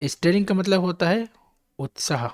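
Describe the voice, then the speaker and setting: A man's voice: high-pitched, moderate pace, a little mellow, no echo, studio quality. A man teaching English vocabulary to exam students, spelling each word out letter by letter and checking in with his listeners.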